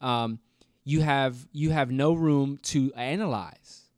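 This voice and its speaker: A man co-hosting a podcast at a middle pitch, talking casually. He gets animated and acts out the back-and-forth of everyday arguments. His voice is dry and close to the mic. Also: slow pace, no room sound. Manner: animated, acts out quoted exchanges. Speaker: podcast co-host. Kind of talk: casual discussion.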